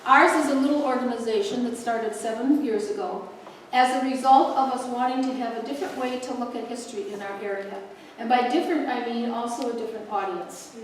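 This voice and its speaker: A woman's voice: on the high side, steady tone, brisk, slight background noise. Chatty woman host in an echoey hall. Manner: chatty, joking, with asides and laughs. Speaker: host introducing a speaker. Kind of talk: casual welcome speech to a live audience. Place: community event hall. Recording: echoey room picked up from a distance.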